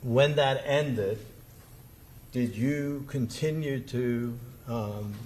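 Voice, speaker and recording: A man examining a witness as a defense attorney in court, with halting, deliberate questions and a husky voice. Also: medium pitch, darkish tone, a little hiss or hum, low-quality recording.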